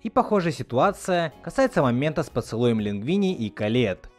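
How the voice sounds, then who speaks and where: Narrating a video essay about film dubbing, this male host speaks briskly with a sing-song lilt at medium pitch. He reads a script in a commentator's style, and music plays beneath his voice-over.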